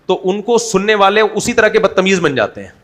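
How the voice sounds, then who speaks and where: A man's voice: high-pitched, expressive, a bit bright. A man preaching an Islamic sermon in a conversational, humorous way, asking the audience rhetorical questions. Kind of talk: Urdu sermon.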